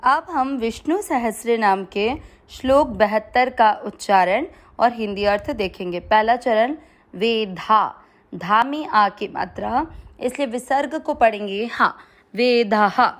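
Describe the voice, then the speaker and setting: A woman guides listeners through a Sanskrit verse one syllable at a time, her voice sitting a little high. She speaks very slowly and patiently, drawing out long vowels as she recites. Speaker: Sanskrit pronunciation teacher. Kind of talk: slow step-by-step recitation lesson.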